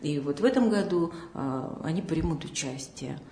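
A woman's voice: deep voice, expressive, moderate pace, warm tone, a little hiss or hum. A woman from a house museum answering interview questions, speaking hesitantly with many filler sounds. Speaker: house museum staff member. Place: small drawing room of a house museum. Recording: roomy echo.

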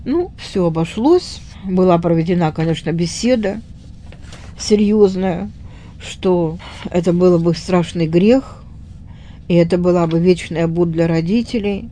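Woman, storyteller, unscripted retelling, mellow voice, faint noise behind. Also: on the low side, unhurried. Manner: unscripted, with small fillers and restarts.

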